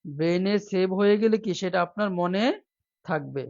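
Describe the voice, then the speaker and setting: A man teaches a live online class for job exams, drilling his viewers with the same question again and again. His voice sits high for a man. The stream audio is dull and lo-fi. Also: moderate pace, gravelly. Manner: repeats questions over and over, quizzing viewers; reads viewer comments aloud, softer. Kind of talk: live online exam-prep lesson.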